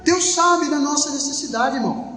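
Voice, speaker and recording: A man's voice: very high voice, moderate pace, crowd noise. A man giving a fervent religious testimony on the radio, telling stories with quoted dialogue. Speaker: lay preacher giving testimony. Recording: echoey hall with faint music.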